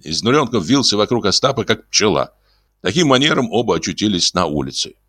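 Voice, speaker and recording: A man narrating an audiobook in a lively, theatrical storytelling manner on a close studio mic. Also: fairly low pitch, fairly quick, dry recording. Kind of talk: expressive literary narration.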